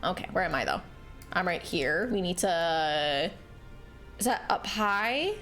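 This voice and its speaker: A woman streams a game live, chatting casually in a cute, bubbly, giggly, apologetic way and throwing out excitable greetings and exclamations. Her voice is on the low side and measured in pace, with music playing behind her.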